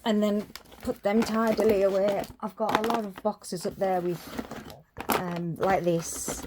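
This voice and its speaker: A woman's voice: mid-range voice, very noisy. Chatty woman touring her craft room. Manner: chatty, rambling, listing items as she goes. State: slightly out of breath. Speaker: crafting vlogger. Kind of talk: casual room tour narration. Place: small craft room indoors.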